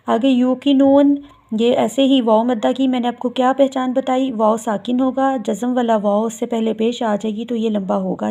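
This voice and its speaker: A woman's voice: fairly high pitch, gravelly, darkish tone. A woman teaching a recitation lesson to viewers, patiently drawing out each example sound and explaining step by step. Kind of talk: instructional video lesson.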